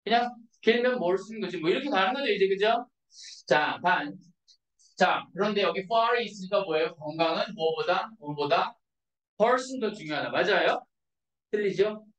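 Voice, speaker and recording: A woman's voice: medium pitch, expressive, moderate pace. A woman teaching an English grammar lesson in Korean to a class, constantly checking with her students through short questions. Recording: echoey classroom from far off.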